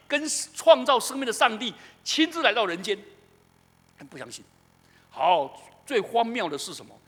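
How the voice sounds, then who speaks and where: A middle-aged Taiwanese pastor preaches with a very high, lively voice that swoops up and down. His tone is a little husky, and he keeps asking his congregation questions. The sound rings with the long echo of a church hall. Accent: Taiwanese Mandarin. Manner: animated, asks the congregation questions. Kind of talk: sermon. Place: church sanctuary.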